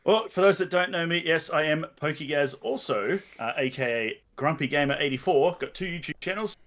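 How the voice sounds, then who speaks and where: A man's voice: a little high, animated, brisk, fairly bright tone. A man speaking as a guest YouTuber in casual roundtable chat, sitting far from his mic as his audio glitches and cuts out. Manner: laughs easily, rambling plug. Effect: glitching audio, mic cutting out.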